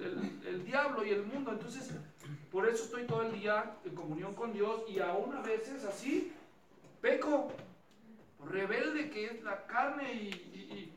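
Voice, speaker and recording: A man's voice: high-pitched, a bit bright, slight background noise. A man preaching a sermon in a conversational, self-deprecating way, often checking in with his listeners. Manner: conversational, self-deprecating, asks the audience questions. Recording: echoey hall, distant mic, faint ambience.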